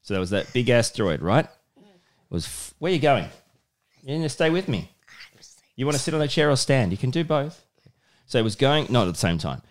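A father hosts a casual podcast chat with his child, patiently prompting with questions and offering simple explanations. His medium-pitched voice is very animated and brisk, broken by long pauses.

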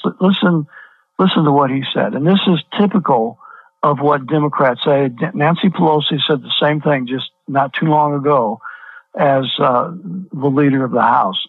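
A man's voice: medium pitch, moderate pace, no echo. A man, a pastor, speaking as a guest in an interview, emphatic and repeating words to press his point. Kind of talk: interview over the phone. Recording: tinny phone line.

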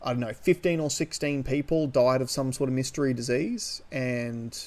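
This Australian man co-hosts a podcast, with a mid-range, slightly mellow voice at a normal speed. He chats casually about the news, opinionated and sardonic, and swears now and then.

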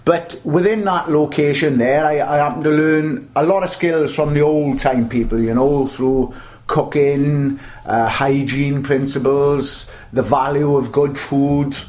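A man's voice: on the high side, steady tone, unhurried, a little mellow. An older man with a South Wales Valleys accent, reminiscing in a chatty, rambling way as an interview guest. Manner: rambling, chatty storytelling with repeated starts. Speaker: interview guest, veteran butcher.

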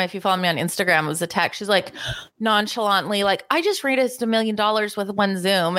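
A woman co-hosting a podcast, chatty and enthusiastic, often pausing on fillers. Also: on the high side, pushed and bright, no room sound. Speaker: podcast co-host. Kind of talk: casual podcast chat.

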